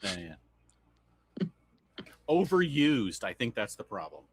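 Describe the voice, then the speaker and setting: A man's voice: medium pitch, sing-song, slow, husky, no echo. A man co-hosting a casual podcast chat, reading dad jokes aloud and laughing often. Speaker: podcast co-host.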